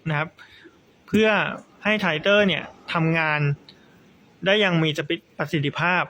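A man's voice: fairly high pitch, moderate pace, sharp tone, a little hiss or hum. A man explaining amplifier assembly in a casual, chatty tutorial, often restarting sentences and adding polite particles.

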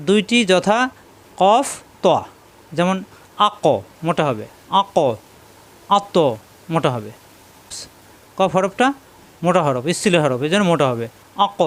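A man with a Bangladeshi Bengali accent leads a question-and-answer lesson, his voice pitched high for a man. He takes his time and goes over each term again and again so learners can memorize it. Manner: slow, drilling, repeats key terms. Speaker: Quran teacher.

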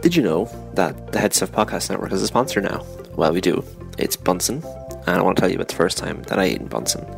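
A deep, heavily gravelly man reads a casual ad with dry, self-mocking asides. The sound comes from a phone dictaphone recording rather than a studio mic, and music plays clearly behind him. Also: expressive, fast talker, hardly any pauses. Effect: recorded on a phone dictaphone app. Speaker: podcast host reading a sponsor ad. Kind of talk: casual read sponsor spot. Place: home in Waterford, not the studio. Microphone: phone dictaphone app.

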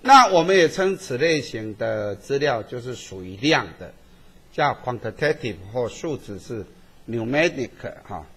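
A man's voice: medium pitch, animated, unhurried, a bit bright, slightly rough. A man teaching a statistics class, tagging his sentences with little checks to the students. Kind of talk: classroom lecture.

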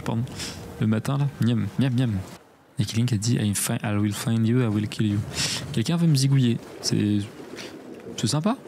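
A man's voice: medium pitch, creaky, dark tone, slight background noise. A man from France casually commenting on his game play, joking and doing playful silly asides. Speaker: streamer. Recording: music playing behind.

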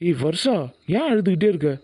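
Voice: mid-range voice, very animated, a little fast, warm tone, no echo, studio quality. A performer voicing a teasing older brother in a cartoon, coaxing in a mock-sweet way. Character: teasing older brother, smooth-talking boy. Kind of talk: cartoon voice acting.

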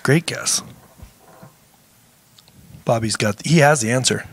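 A man's voice: medium pitch, takes it slowly, slightly rough, dry recording. A man co-hosting a talk show, playfully reading out trivia questions and repeating them with laughs. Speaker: co-host. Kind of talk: casual chat, quiz questions.

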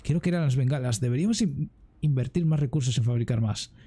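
A man's voice: mid-range voice, fast, dark tone, husky, lightly acted. A man reading out a stranded woman survivor's chatty, self-deprecating diary log.

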